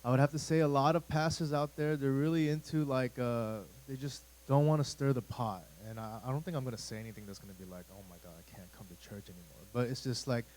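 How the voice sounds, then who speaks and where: A man's voice: medium pitch, fairly even intonation, fast, hardly any pauses, a little mellow, a little hiss or hum, rough recording. A man in his thirties, a youth pastor giving a casual, rambling talk to a church youth group, full of fillers and asides. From United States. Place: church room.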